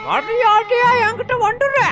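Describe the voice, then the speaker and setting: A man's voice: very high-pitched, animated, measured pace, over loud music. A man voicing a silly pestering friend in a game who keeps singing wailing songs. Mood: teasing.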